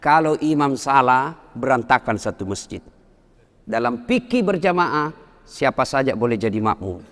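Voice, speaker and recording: A middle-aged man giving a humorous sermon to a congregation, telling animated stories with his voice jumping high at the punchlines. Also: moderate pace, creaky. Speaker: preacher. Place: mosque or large hall before a congregation. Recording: long hall reverb.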